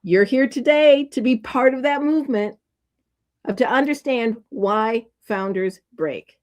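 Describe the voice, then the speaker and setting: Woman, host, fairly high voice, enthusiastic introduction. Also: animated, a little slow. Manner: enthusiastic, warm praise. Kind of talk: event introduction.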